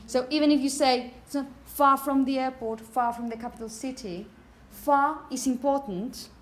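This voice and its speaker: A woman's voice: high-pitched, normal speed, slight background noise. A woman teaching a classroom pronunciation lesson, patiently correcting students and often checking "okay?".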